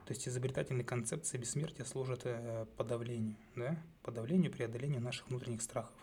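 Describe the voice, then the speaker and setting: A man hosting a solo psychology talk, speaking in a measured, thoughtful way with frequent hesitations and self-corrections. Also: mid-range voice, warm tone, a little hiss or hum. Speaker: psychology channel host.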